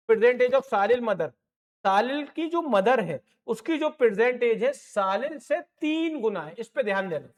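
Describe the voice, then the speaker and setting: Male maths tutor, slow and deliberate, patient and encouraging, repeats every step and slips English terms into his explanations. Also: very high voice. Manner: encouraging, repeats points, calls students "my children". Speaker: maths teacher. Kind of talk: online classroom lesson.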